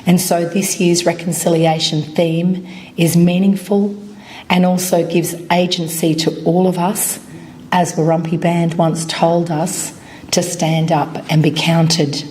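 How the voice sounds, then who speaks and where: A woman with a voice raspy from a cold, giving a formal speech as a guest academic. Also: fairly low pitch, level tone, takes it slowly, darkish tone. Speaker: professor and research centre director, guest speaker. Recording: noisy live event room.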